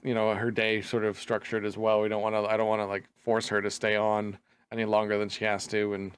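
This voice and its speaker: A man's voice: on the low side, clear, resonant tone. A man co-hosting a podcast and stream, talking loosely and hesitantly with many restarts. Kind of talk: casual chat.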